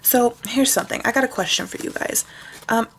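A woman's voice: fairly high pitch, brisk, vocal fry, a bit bright, a little hiss or hum. A young woman chatting casually in a plan-with-me vlog, rambling with many fillers as she plans out her week. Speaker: planner sticker shop owner.

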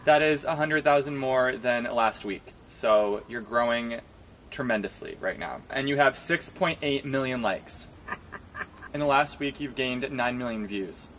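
A man's voice: medium pitch, a little slow, fairly bright tone, rough recording. A man in his twenties hosting a casual chat and reading out social media figures and comments. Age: 20s. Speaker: host, grandson helping his grandmother with social media. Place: outdoors on a wooden deck. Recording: outdoor recording with clear background insect noise.

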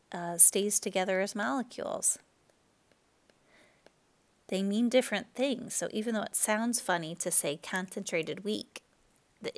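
A woman chemistry teacher giving a relaxed recorded lecture, explaining with fillers and self-corrections. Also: mid-range voice, vocal fry.

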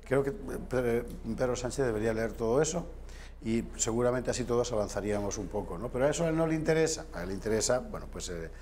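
A man's voice: medium pitch, fast, darkish tone, a little hiss or hum. A man in his fifties, a guest author in a TV news studio, talking in a discursive way with wry asides, recorded on a lapel mic.

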